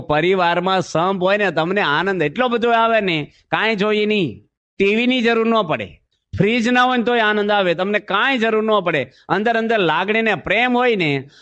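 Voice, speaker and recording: A man's voice: high voice, fairly bright tone. A man giving a folksy sermon, telling stories, acting out voices and asking the audience questions. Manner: storytelling, asks the audience questions, acts out voices. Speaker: monk preacher. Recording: dull lo-fi recording.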